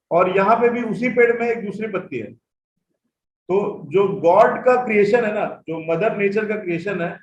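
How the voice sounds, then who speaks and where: A man teaching an online class, who repeats key points and keeps checking whether his students follow. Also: sits high. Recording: echoey room, dull audio, faint noise.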